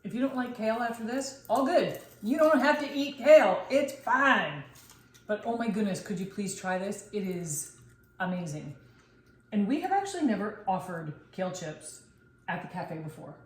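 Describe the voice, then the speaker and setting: A woman's voice: medium pitch, animated, moderate pace. A woman hosting a casual cooking vlog from a kitchen, talking with gushing enthusiasm about her cafe's food. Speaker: cafe owner and cooking video host. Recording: echoey room, faint noise.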